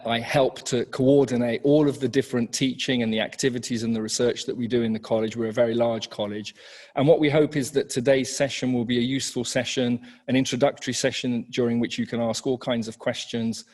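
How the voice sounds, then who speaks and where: A man's voice: medium pitch, a little mellow. Man hosting a university welcome webinar. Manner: measured, with frequent ums and restarts. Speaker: head of college, webinar host. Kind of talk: welcoming introductory address. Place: university senate chamber.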